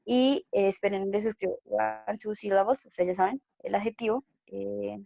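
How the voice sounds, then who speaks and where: A woman's voice: medium pitch, steady tone, moderate pace, vocal fry, dark tone, dry recording, clean studio sound, faint music behind. A woman teaching an online English class, patiently explaining grammar rules and checking that students follow. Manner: patient, checks understanding with frequent questions.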